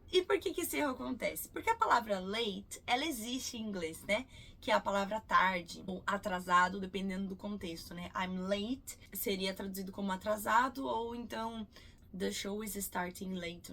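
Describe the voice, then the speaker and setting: A Brazilian woman in her thirties teaching English in a casual video, patiently repeating example words slowly. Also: on the high side, bright, forceful tone. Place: cruise ship.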